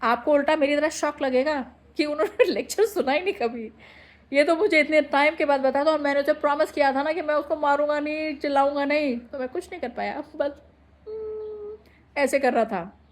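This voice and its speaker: A woman speaker telling a life-lesson story in an expressive way, mixing Hindi and English, with slow, deliberate emphasis on key lines. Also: high-pitched. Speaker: motivational speaker. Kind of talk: motivational storytelling.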